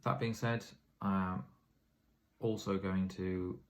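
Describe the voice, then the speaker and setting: A man's voice: low voice, steady tone, slow pace. A tired man giving a casual vlog update on his property investing, rambling with plenty of fillers and self-corrections. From England.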